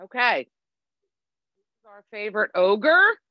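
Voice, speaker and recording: A woman's voice: mid-range voice, sing-song, unhurried, dry recording. A middle-aged woman co-hosting a podcast in casual chat, blunt and sweary as she reads through a list. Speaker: podcast co-host. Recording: dull lo-fi remote audio.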